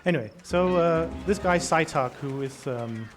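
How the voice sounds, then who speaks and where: A man with a slightly high voice talks through a video game speedrun live. His explanations are casual and halting, with game music playing behind him. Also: lively intonation. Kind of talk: casual live gameplay commentary. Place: live event with small audience. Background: game music and sound.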